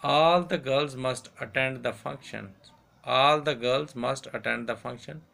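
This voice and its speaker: A male teacher with a gravelly, creaky voice, pitched mid-range. He reads grammar rules and example sentences aloud, saying each one twice at a deliberate dictation pace. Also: fairly bright tone. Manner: repeats each example sentence slowly, switches to Hindi to explain. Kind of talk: grammar lesson, read aloud and repeated.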